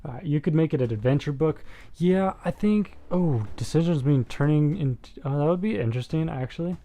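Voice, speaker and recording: A man's voice: a little high, a little fast, warm tone. Chatty young man streaming a board game. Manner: chatty, joking, talks to chat, many fillers. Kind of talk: casual live-stream game chat. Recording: music faintly behind the voice.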